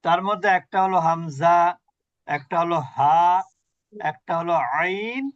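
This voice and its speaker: Male Quran recitation teacher, patient, quizzes students; high voice, dry, dull audio. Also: unhurried, fairly bright tone, no echo. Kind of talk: online tajweed lesson.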